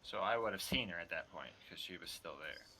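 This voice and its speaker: Bright-voiced tabletop player. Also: male voice, low voice, animated, fairly quick. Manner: asks questions about the rules. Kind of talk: playing a tabletop game.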